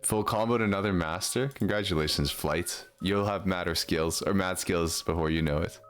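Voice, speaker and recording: A man's voice: low voice, normal speed, a bit bright. A young man streaming a game, chatting casually and mocking himself with frequent laughs. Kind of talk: casual live gameplay commentary.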